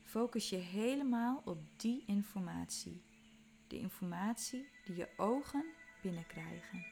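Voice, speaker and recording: Slow, calm woman guiding a meditation. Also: medium pitch, gravelly. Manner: slow, calm, soothing instructions with soft whispered moments. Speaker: meditation guide. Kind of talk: guided walking meditation. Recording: faint music behind.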